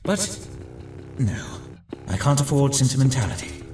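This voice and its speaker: A man's voice: medium pitch, very animated, normal speed, a little mellow, natural voice. A man voicing a vain, scheming villain doctor in a comic dub, with pompous, theatrical, articulate delivery. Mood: sinister musing. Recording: music behind the voice.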